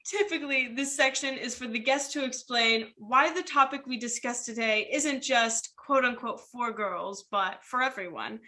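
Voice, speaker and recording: A woman hosts a casual podcast in a bright, crisp voice pitched a bit high. She talks chattily and leads into each segment from prepared notes. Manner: chatty, scripted segment intros. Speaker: podcast host.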